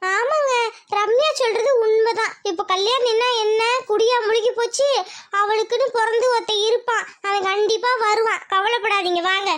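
Performer doing a worried cartoon village wife, very high, coaxing, nagging. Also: steady tone, moderate pace, fairly bright tone. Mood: exasperated. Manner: coaxing, scolding.

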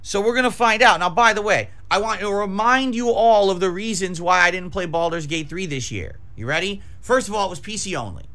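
Agitated man ranting, sharp higher-pitched voice. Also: lively intonation, a little fast, hardly any pauses. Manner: profane, emphatic, repeats phrases for emphasis. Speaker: variety game streamer. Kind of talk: livestream rant to chat viewers. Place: small decorated home streaming room, indoors. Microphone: close desk microphone with pop filter.

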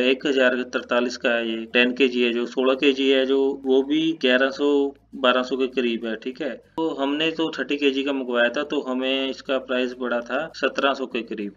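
A man's voice: medium pitch, fairly bright tone, highs cut off. Chatty man reviewing gear in an echoey room. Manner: chatty, repeats "ठीक है" often. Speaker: product reviewer. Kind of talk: casual product review. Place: room with tiled floor, indoors. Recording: echoey room, a bit far from mic.

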